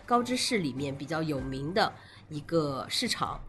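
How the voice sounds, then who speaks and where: A woman's voice: low-pitched, very animated, moderate pace, fairly bright tone, soft background music. A woman speaking as an interview guest, explaining things casually step by step. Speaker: guest, association president.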